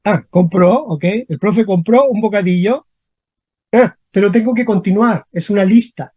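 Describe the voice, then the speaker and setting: A teacher giving an online language lesson over a video call, speaking slowly, repeating example questions and often checking in with the class. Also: medium pitch, mellow, husky, no room sound, lo-fi sound. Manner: slow, repeats questions, frequent checking tags. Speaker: Spanish grammar teacher.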